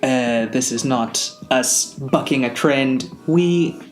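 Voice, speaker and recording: A man co-hosting a podcast in casual chat, playful and quick with jokey asides. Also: medium pitch, soft background music. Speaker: podcast co-host. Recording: roomy echoey room.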